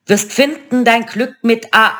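A woman's voice: a little high, unhurried, fairly bright tone, voice pushed up. A woman voicing three spiteful old witches who shriek and wail, in a storybook reading. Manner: shrieking, wailing.

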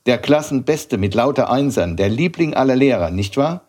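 A grumpy old bookseller in a storybook reading, growling and scolding in a raised, gruff voice, as a male narrator puts him on. He questions and needles, brusque and unimpressed. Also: medium pitch, expressive, moderate pace, a little mellow, voice pushed up, natural voice. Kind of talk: audiobook reading.

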